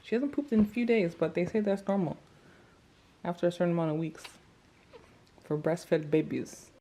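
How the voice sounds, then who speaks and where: A woman's voice: fairly low pitch, normal speed, mellow. A young woman, a new mother, chatting casually to the camera and cooing to her baby in a family vlog. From Nigerian American. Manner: chatty, coos in sing-song baby talk.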